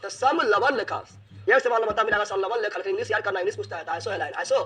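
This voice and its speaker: A man's voice: high voice, fast talker, bright, forceful tone. A man teaching an exam-prep lesson, asking questions and answering them himself, repeating each answer as a drill.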